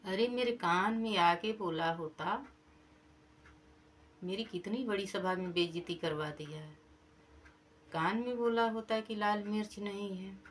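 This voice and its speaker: Storybook role: woman playing a touchy proud king, scolding, a bit raised and slow. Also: lowish voice, fairly even intonation, fairly bright tone, slight background noise. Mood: exasperated. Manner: scolding, exasperated.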